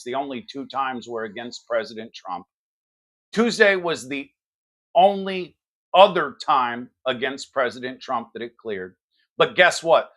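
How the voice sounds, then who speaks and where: A man's voice: fairly high pitch, a bit bright. A man hosting a political podcast, delivering commentary in an emphatic, combative manner. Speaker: podcast host.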